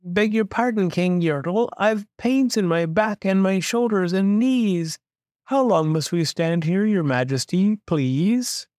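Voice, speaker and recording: Man doing a high, pleading little turtle. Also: measured pace, darkish tone, no room sound, studio quality. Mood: polite pleading. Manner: polite, pleading, groaning. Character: small, meek, long-suffering plain turtle underling. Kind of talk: storybook character voice.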